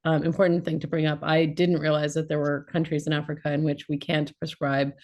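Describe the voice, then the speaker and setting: Woman interviewer, low voice, conversational, clinician. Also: flat delivery, brisk, a little mellow. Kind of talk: interview questions and commentary.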